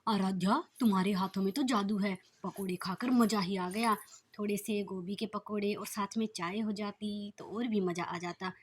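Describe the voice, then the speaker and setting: A woman's voice: medium pitch, fairly even intonation, normal speed, breathy edge, natural voice. A woman voicing an easygoing young husband asking his wife for tea and snacks. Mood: pleased.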